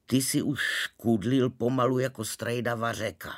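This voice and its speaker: A man voicing a soft-hearted mother who chides her husband quietly, in a storybook reading. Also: medium pitch, natural voice. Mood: chiding.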